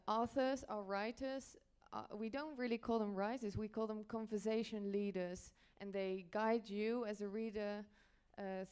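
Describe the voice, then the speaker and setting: On a conference panel, an editor from the Netherlands presents in a smooth, clear voice at a medium pitch, her tone somewhat dark. She explains haltingly, stopping to pause and rephrase as she goes.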